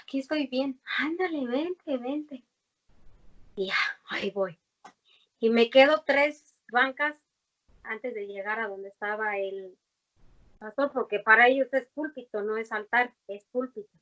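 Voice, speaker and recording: On a dull, lo-fi recording, a young woman earnestly recounts her personal faith testimony as a conversation guest, rambling with frequent fillers and restarts. Her voice is a little high and a bit bright, and she takes her time.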